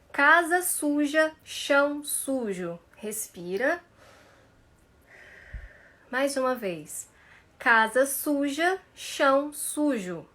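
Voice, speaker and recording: A woman's voice: on the high side, sharp tone. A woman career mentor coaching viewers through tongue twisters on a live stream, playful and laughing often, stretching each syllable carefully.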